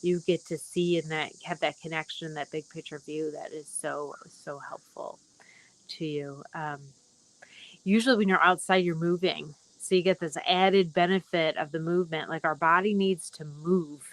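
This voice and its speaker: A middle-aged woman hosting a casual live wellness broadcast, speaking gently and rambling with many fillers. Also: deep voice, fairly even intonation, moderate pace, low-quality recording. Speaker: wellness talk host.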